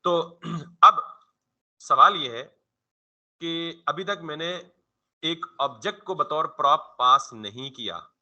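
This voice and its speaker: Bright-voiced man teaching a coding class. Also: a little high, animated, takes it slowly, muffled recording. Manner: keeps quizzing the listener with rhetorical questions and answering them; informal, conversational classroom explaining. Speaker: programming instructor. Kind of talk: coding tutorial lecture.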